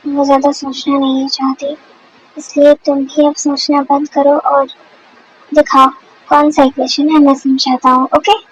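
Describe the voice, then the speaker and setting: A woman voicing a calm protective young man. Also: high-pitched, measured pace, muffled recording. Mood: gentle.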